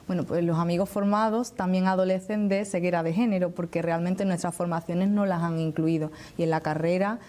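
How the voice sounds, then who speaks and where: A woman with an Andalusian accent explaining things as an interview guest, measured and didactic, pausing to choose her words. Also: fairly low pitch, steady tone, warm tone. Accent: Andalusian Spanish. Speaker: interview guest, academic researcher.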